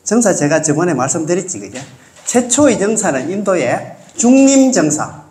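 Folksy lecturing monk in an echoey room. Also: male voice, high voice, very animated, normal speed, darkish tone, slight background noise. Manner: folksy, keeps asking the class to agree. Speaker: Buddhist monk teaching a class. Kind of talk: casual classroom lecture.

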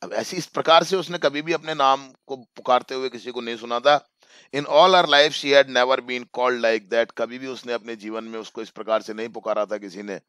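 A man teaching an English story to students, reading each line slowly and then explaining it in his own words. His voice is crisp and resonant at a mid pitch. The recording is dry, with no room sound. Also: fairly bright tone, no room sound. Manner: repeats phrases for emphasis. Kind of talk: bilingual classroom lesson explaining a story.

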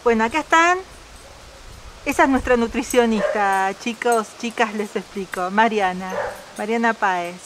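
A woman's voice: fairly high pitch, normal speed. A middle-aged woman with an Argentine accent, chatting casually to her camera on an empty street, giggly and playfully embarrassed. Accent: Argentine Spanish. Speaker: vlogger. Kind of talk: casual vlog chat. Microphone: handheld camera. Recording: outdoor background noise.

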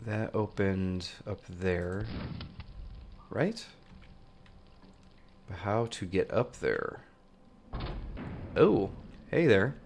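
Extremely slow and full of pauses, a let's play host in his thirties talks through his game with a nose blocked by a cold. His cheerful greeting gives way to low, muttered thoughts as he plays. There's slight hiss or hum on the large boom-arm studio mic in his indoor home room, where shelves hold plush toys.

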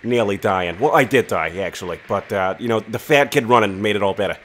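A man's voice: lowish voice, fairly quick, a bit bright, voice pushed down. A man switching impression voices, here playing a brash, crude talking teddy bear who stammers casually. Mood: chummy, brash. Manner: stammering, casual, foul-mouthed delivery.

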